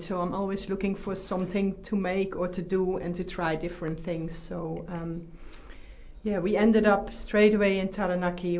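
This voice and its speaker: A woman's voice: fairly low pitch, darkish tone. A woman from the Netherlands, a guest chatting in a casual interview about her life. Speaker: guest, farmer's wife and maker. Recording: muffled lo-fi recording.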